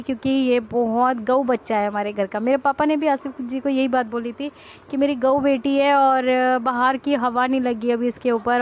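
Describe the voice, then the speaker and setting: A woman's voice: sits high, dull audio. A young woman, vlogging at home and telling family stories casually, often laughing. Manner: chatty and animated, laughing often. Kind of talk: casual storytelling to camera.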